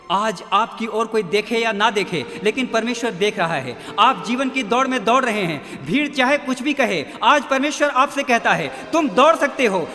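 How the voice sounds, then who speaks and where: A man's voice: sits high, bright, forceful tone, in a large hall. A male preacher delivering a dramatic storytelling sermon, often calling out to his listeners. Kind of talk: recorded radio-style sermon.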